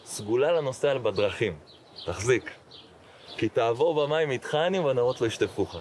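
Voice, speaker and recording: A man's voice: mid-range voice, lively intonation, darkish tone. A middle-aged man, a rabbi, telling his personal story in an interview, acting out dialogue with lots of fillers. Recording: noticeable background noise.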